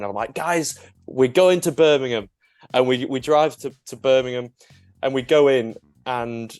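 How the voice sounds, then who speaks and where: A young man, a comedian, tells a story in a loose, casual way at a middle pitch. He is animated, breaks into laughter often and swears freely. His voice is close and dry, with faint music behind. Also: no echo. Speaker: comedian guest.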